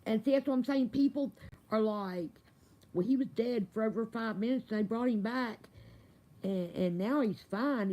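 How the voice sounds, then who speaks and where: A woman's voice: medium pitch, mellow, low-quality recording. A middle-aged American woman with toothless, slightly slurred articulation, making a casual, folksy, emotional plea and repeating phrases for emphasis. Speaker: organ donation advocate speaking as a bereaved mother.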